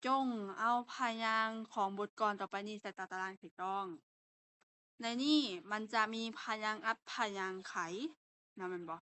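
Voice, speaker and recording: A woman's voice: mid-range voice, steady tone, normal speed, sharp tone, clean tone. A young woman with a Lao accent, teaching an online language lesson and explaining step by step with patient fillers.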